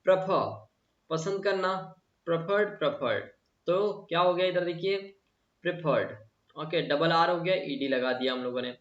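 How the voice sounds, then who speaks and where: A man's voice: a little high, moderate pace. A man teaches English grammar to a class. He repeats the words and keeps asking the students questions. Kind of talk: classroom lesson. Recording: echoey room, voice from a distance, dull sound.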